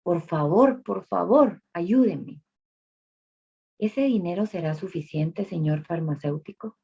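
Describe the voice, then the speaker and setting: Woman voicing a little boy, five years old, desperate, pleading, gravelly, lo-fi. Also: slow, mellow, full character voice. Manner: pleading, urgent, higher voice. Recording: dull lo-fi recording.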